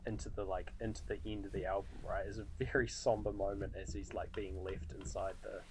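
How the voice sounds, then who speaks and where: A man's voice: on the low side, level tone, a little fast, darkish tone, a little hiss or hum, rough recording. A man co-hosting a podcast, talking casually about a movie with a lot of "like" fillers and frequent laughter. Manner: laid-back, lots of filler "like", laughs often. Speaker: podcast co-host. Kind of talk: casual film discussion.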